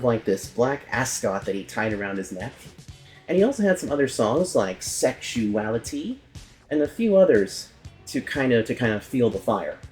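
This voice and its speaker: A man narrates a casual music-history episode as its host, his voice swinging widely up and down in a middle register. He keeps a chatty tone and corrects himself out loud. Faint music sits underneath. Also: medium pitch.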